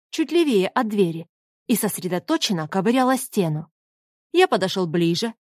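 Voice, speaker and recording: A woman's voice: mid-range voice, no room sound. Woman narrating a story, dry sound. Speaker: audiobook narrator. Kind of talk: scripted first-person narration.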